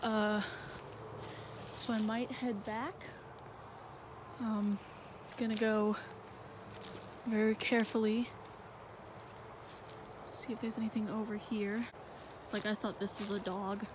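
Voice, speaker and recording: Out in a dark marshy wood at night, a young woman talks into the phone in her hand for a vlog. Her mid-range voice stays level, and she goes slowly with long pauses, rambling and hesitating through many fillers. Background noise is heavy on the phone recording.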